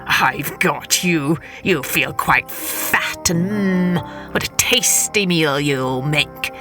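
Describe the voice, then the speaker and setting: A woman voicing a wily, greedy male trickster coyote in a storybook tale, gloating and coaxing with drawn-out words. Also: deep voice, over music, voice pushed down. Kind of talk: storybook character voice.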